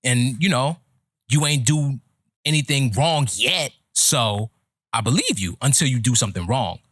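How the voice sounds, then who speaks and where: A man's voice: mid-range voice, expressive, a bit bright, no echo, clean studio sound. Opinionated man in his thirties, lecturing. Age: 30s. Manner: opinionated, lecturing, slow deliberate delivery. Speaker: podcast host. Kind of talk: casual podcast chat.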